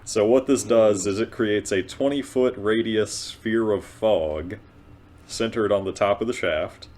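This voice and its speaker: Slow, halting man with a low voice. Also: a little mellow. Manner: halting, thinking aloud. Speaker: player in a tabletop role-playing game. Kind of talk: casual game-table chat.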